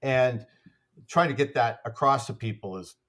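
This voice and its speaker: A man's voice: medium pitch, normal speed, a bit bright. A man, an athletics coach, telling stories as a podcast guest in a rambling way, full of fillers and restarts. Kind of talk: casual conversational storytelling.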